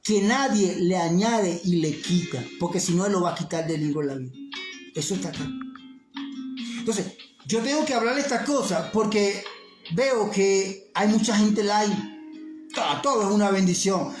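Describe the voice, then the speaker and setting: High-voiced man preaching fervently. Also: expressive, moderate pace. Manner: earnest, repetitive, insistent. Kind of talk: fervent sermon. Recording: roomy echo with faint music.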